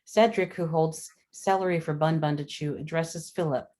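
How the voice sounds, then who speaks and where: A woman with a low, dark-toned voice reads screenplay stage directions as scripted narration for a table read. She holds a steady tone and normal speed, keeping the delivery matter-of-fact.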